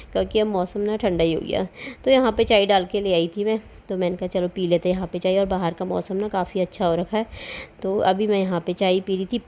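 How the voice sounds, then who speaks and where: A woman's voice: medium pitch, warm tone. Chatty middle-aged woman with a cold. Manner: chatty and rambling, often laughing. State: has a cold and sore throat. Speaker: home vlogger, mother. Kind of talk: casual voice-over chat about housework.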